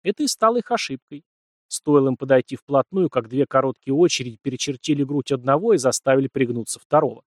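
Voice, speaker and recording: A man narrating an audiobook in a steady scripted storytelling delivery. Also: mid-range voice, quick pace, no room sound, studio quality.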